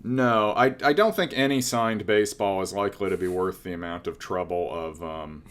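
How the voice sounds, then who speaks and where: A man's voice: sits low, moderate pace. A man in his late thirties co-hosting a podcast, chatting casually with dry, sarcastic teasing. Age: late 30s. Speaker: podcast co-host. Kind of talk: casual chat.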